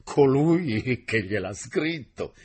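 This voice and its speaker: A man reading aloud and voicing a teasing, jovial middle-aged engineer who speaks slowly and draws out his words. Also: mid-range voice, expressive, darkish tone, breathy edge, voice pushed up. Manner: slow, drawn-out, bantering delivery.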